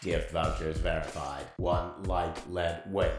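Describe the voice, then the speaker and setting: An actor voicing a male postal robot that chants error messages and status reports in a monotone, mechanical, gravelly voice. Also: rumbling low, slow, exaggerated voice. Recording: echoey game audio with music behind.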